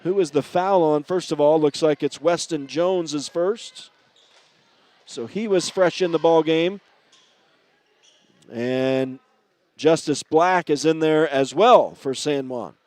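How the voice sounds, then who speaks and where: A man calling a high school basketball game play-by-play, chatty and often correcting himself on air. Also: slow pace, long pauses, a little mellow, no echo. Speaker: play-by-play announcer.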